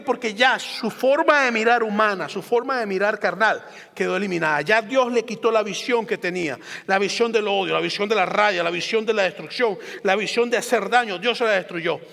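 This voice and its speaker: A man's voice: high voice, fairly bright tone. A man pastor delivering a sermon, emphatic and rhetorical, building his points through repeated phrases. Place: church sanctuary. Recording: long hall reverb.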